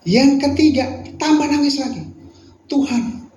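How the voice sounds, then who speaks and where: A middle-aged male pastor preaching a sermon, swinging between loud, fervent appeals and quiet reflection. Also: high voice, animated, moderate pace, slight background noise. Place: prayer meeting hall. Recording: echoey hall with music behind.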